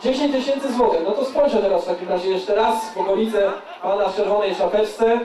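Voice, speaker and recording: A man's voice: high-pitched, brisk, dark tone. A man working as a playful charity auctioneer, calling and repeating bids from a stage. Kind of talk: live auctioneer patter, calling bids to a crowd. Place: event stage with live audience. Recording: echoey stage, far from the mic.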